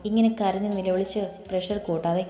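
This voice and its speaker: A woman's voice: medium pitch, steady tone, a little fast, lightly acted. A woman voicing a soothing, worried village mother. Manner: soothing, gently scolding. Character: caring worried middle-aged mother. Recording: echoey room with faint music.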